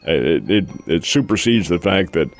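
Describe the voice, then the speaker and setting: A man's voice: low-pitched, sing-song, moderate pace, faint music behind. An older man co-hosting a sports radio show, giving folksy rundowns of games and calling listeners "folks". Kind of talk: casual sports radio chat.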